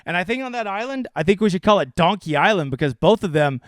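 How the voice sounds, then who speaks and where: A man's voice: high voice, lively intonation, fast, no room sound. A man casually breaking down fantasy golf picks on a livestream, crude and joking. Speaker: fantasy sports analyst.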